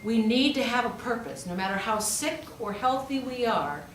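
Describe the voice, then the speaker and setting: This pastor, also a hospital chaplain, has a higher-leaning, animated voice and speaks at a normal speed. Her sermon is a conversational story punctuated by rhetorical questions and emphatic repetition. Faint noise accompanies the roomy, distant capture.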